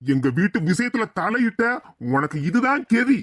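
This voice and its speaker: With big swings in a mid-range voice and a moderate pace, the actor lightly plays a short-fused villager who angrily berates and threatens his niece in a cartoon. He uses a Tirunelveli Tamil accent, and the background is noisy.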